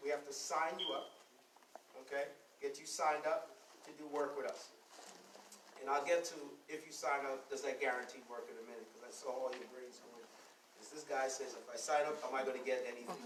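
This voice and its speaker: A man's voice: mid-range voice, a little fast. Brief: man from Guyana, city official addressing a room, chatty delivery with lots of fillers, distant mic, echoey hall, background noise. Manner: conversational, with many fillers and repeated words. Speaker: city official presenting to business owners. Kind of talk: public presentation. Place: consulate meeting room.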